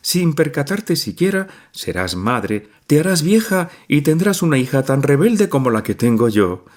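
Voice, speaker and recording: A man reading a storybook aloud and voicing a frightened middle-aged mother who speaks in a hurried, anxious way. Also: on the high side, very animated, pitched above the performer's own voice. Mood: resigned. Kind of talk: audiobook reading.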